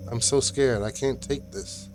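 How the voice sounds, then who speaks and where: A man reading the lines of a frightened young woman nurse, quietly and unsteadily. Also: medium pitch, a little slow, soft background music, lightly acted. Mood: scared.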